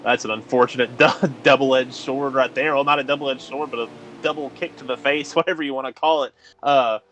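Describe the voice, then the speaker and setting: A man's voice: mid-range voice, steady tone, a little fast, a bit bright. A man giving color commentary on a sim race, analytical, laughing easily, with many fillers.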